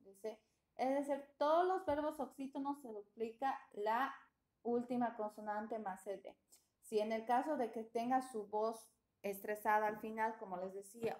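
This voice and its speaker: A woman teaching an English grammar class, explaining patiently and often checking that students follow. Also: mid-range voice.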